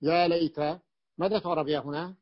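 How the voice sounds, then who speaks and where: A man with a fairly high voice teaches a grammar class, quizzing his students and circling back over each point with stop-start phrasing. The recording is dull and muffled, and the room is dry and close. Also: fairly even intonation, no room sound. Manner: questions the class and repeats points with halting restarts.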